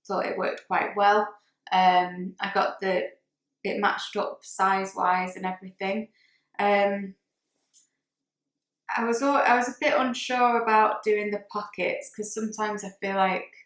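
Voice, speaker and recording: A woman's voice: mid-range voice, echoey room, rough recording. Chatty woman sewing vlogger. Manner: chatty, hesitant, lots of ums and restarts. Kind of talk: casual chat to camera.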